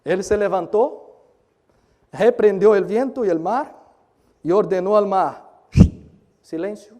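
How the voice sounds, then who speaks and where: A man with a high, ringing voice preaching a sermon. He swings between bursts of near-shouting and hushed, intimate asides, and calls to his congregation as he acts out the story. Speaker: pastor.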